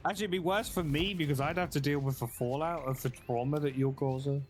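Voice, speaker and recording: A man's voice: on the high side, steady tone, fast, soft background music. Teasing man on a gaming stream. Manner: teasing, crude humor. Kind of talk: casual banter while gaming.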